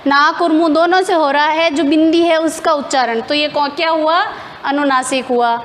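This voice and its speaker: A woman's voice: sits high, fairly even intonation, normal speed, in a large hall, a little hiss or hum. A woman teacher explaining grammar step by step in a classroom lesson, asking questions and answering them herself.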